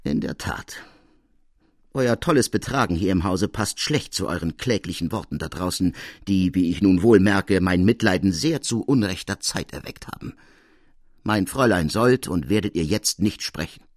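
A woman's voice: rumbling low, lively intonation, unhurried, few pauses, a little mellow, no echo, studio quality, full character voice. A male narrator voicing a stern older maidservant in a radio reading of a classic tale. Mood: stern, dismissive. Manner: scolding, then screaming for help.

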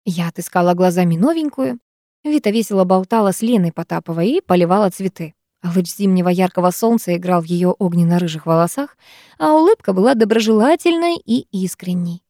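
A woman narrating a first-person novel in an even, calm storytelling manner. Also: medium pitch, no echo, clean studio sound. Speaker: audiobook narrator.

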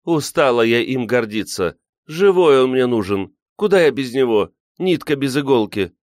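A man's voice: lowish voice, expressive, moderate pace, smooth, no echo, clean studio sound, voice pushed up, natural voice. A man reading an audiobook, voicing an older grieving peasant woman who sighs and scolds. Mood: plaintive. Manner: sighing, plaintive, scolding. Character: weary grieving old peasant woman, motherly.

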